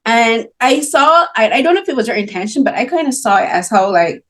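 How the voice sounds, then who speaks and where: A woman interviewing filmmakers, talking in a lively way and sometimes acting out what others say. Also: fairly high pitch, a little fast. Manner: animated, often acting out the voices of others. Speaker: magazine interviewer. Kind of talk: casual interview talk. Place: film festival interview.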